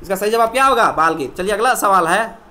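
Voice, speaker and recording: Woman, exam-prep teacher, sing-song verse reading, quizzing listeners, bright crisp tone. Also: medium pitch, lively intonation, fast.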